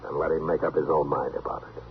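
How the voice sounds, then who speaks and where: An actor playing a calm, fair-minded American frontier marshal, measured and authoritative, in old radio western style. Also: male voice, very deep voice, narrow, tinny audio. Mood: reasoning, placating. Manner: measured, reasonable, mediating. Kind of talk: 1950s radio western acting. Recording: band-limited, noisy old radio recording.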